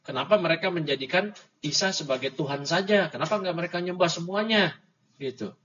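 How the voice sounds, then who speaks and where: This is a dull, lo-fi recording of a man whose voice is a little high and fairly bright, moving at a slightly fast pace. He teaches an Islamic book study, reading out Arabic text and unpacking it casually while cracking mocking jokes at his audience.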